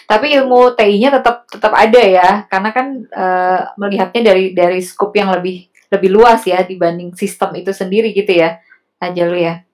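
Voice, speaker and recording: A woman's voice: mid-range voice, steady tone, moderate pace, darkish tone. A woman co-hosting a podcast, chatty and affirming, often chiming in with agreement. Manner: chatty, affirming, frequent backchannels. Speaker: podcast co-host. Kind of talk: casual interview chat.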